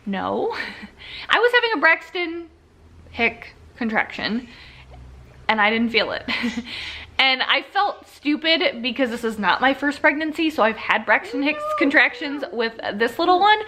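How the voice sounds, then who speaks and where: A young vlogger gives a casual update in a bright, slightly high voice that sounds a little congested and sniffly. She rambles chattily with lots of fillers, laughs and easy asides.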